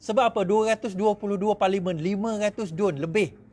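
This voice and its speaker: A middle-aged man with a Malaysian accent, giving an animated speech to supporters, mimicking others in quick asides and laughing often. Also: high-pitched. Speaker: politician speaking to supporters.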